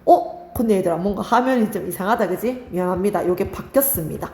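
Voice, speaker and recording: A woman's voice: mid-range voice, lively intonation, fast, dark tone, reverberant. A young woman teaching an exam-prep lesson, asking her students questions and answering them herself. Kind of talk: online exam-prep lecture.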